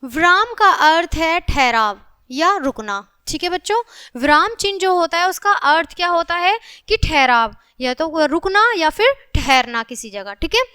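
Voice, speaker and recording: Woman teaching kids grammar, high bright voice, dry close sound, keeps checking in with the class. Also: lively intonation, a little slow, no echo. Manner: repeats "ठीक है" as a check-in, reads example sentences aloud. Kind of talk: classroom grammar lesson for children.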